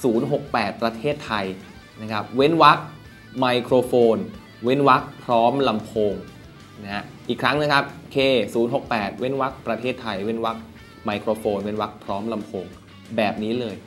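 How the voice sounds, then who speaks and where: A chatty man reviewing a gadget in a relaxed, upbeat way, pushing it like a salesman. His voice sits at a middle pitch, with faint guitar music under it. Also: normal speed. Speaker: product reviewer. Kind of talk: casual product review.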